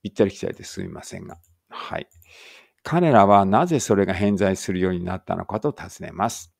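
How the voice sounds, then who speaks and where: A man with a low, gravelly voice runs a relaxed read-aloud English lesson. He thinks out loud and corrects himself as he goes, then reads each English line slowly and carefully. His voice sounds close and dry, with no room around it. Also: no room sound. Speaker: English teacher.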